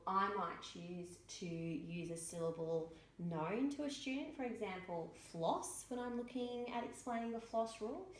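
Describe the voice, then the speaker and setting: A woman teacher explaining a spelling rule, sounding words out letter by letter in a slow, deliberate way. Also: lowish voice. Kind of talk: instructional explanation. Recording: echoey room.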